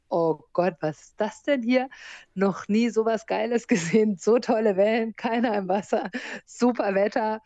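This is a woman in her forties with a soft, mellow voice, chatting easily about her life and laughing often. The sound is close and dry, with a slightly muffled, lo-fi quality. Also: mid-range voice, dry recording. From born in the US, grew up in Germany. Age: 40s. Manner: lively, laughs often while telling stories. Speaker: interview guest, surf instructor and hostel owner. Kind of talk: relaxed conversational interview.

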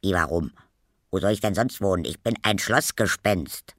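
A man playing a little mischievous ghost, high squeaky voice, wondering tone, audiobook style, dry close sound. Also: lively intonation, moderate pace, fairly bright tone, no room sound. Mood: matter-of-fact. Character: tiny mischievous keyhole ghost, curious and cheeky.

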